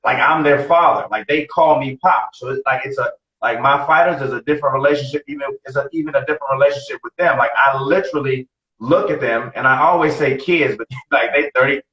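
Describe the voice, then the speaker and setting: A man's voice: medium pitch, bright, forceful tone. A man in his late forties talking bluntly and profanely on a casual podcast, often repeating himself. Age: 40s. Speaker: podcast co-host. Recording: roomy, distant, dull lo-fi sound.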